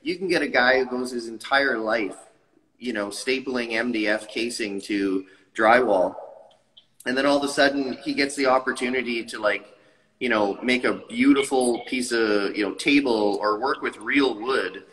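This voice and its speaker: Man in his 30s, tile business owner, eager and animated, bright forceful tone, reverberant webcam sound. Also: medium pitch, moderate pace. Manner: enthusiastic, animated hand gestures. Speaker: tile company owner, guest. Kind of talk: casual interview talk. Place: tile showroom, indoors. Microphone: video call webcam.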